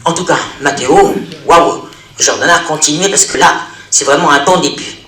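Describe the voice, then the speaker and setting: A man, a local elected official, giving a formal, praising speech at a public event, halting and restarting as he speaks. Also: a little high, a bit bright, distant mic. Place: large hall with an audience. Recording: echoey hall recorded from afar.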